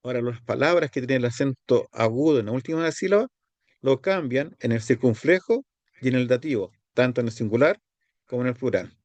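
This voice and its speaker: A man teaching a seminary lesson on Greek grammar. He explains step by step and repeats forms slowly. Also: mid-range voice, animated, darkish tone, dry recording, highs cut off. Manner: explains step by step, repeats words slowly, pauses to find his page.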